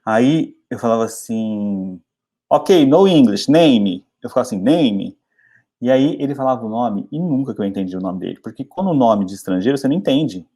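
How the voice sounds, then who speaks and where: Lively storyteller man, mellow voice. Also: fast talker, hardly any pauses. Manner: chatty, animated storytelling with lively pitch jumps. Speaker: English teacher. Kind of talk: storytelling English lesson.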